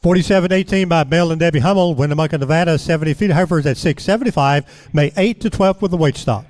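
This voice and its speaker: An American man with a slightly high voice announces lots at a livestock auction. He reads out the details of each lot as an announcer, between the auctioneer's chants. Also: fast, a little mellow.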